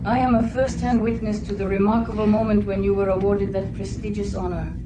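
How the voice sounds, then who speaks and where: A woman with a voice of ordinary middle pitch interviews a guest. She asks formal questions in a polite, deliberate and admiring way. Steady background noise sits under her voice.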